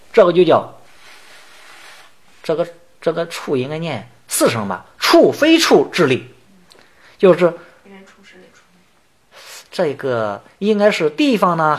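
Man teaching a sutra, highish voice that swings up and down a lot, explains each point, slows down for the verse lines. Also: big pitch swings, fairly bright tone. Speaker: Buddhist teacher. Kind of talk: sutra lecture.

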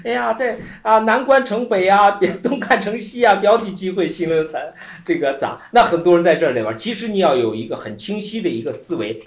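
Animated scripture teacher, roomy. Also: medium pitch. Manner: animated, repeats phrases, frequent chuckles. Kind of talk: explanatory lecture. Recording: roomy echo.

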